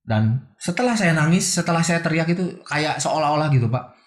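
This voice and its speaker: A man's voice: on the high side, animated, a little fast. Earnest man recounting a testimony, roomy echo. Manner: earnest, addresses host as Pak often. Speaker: interview guest telling his testimony. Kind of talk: emotional personal testimony.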